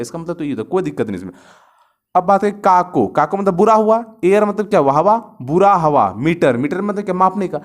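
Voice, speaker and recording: A man. He spells words out letter by letter and keeps asking and answering his own questions. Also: high voice. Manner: repeats words and asks himself questions. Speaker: vocabulary teacher. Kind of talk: online vocabulary lesson.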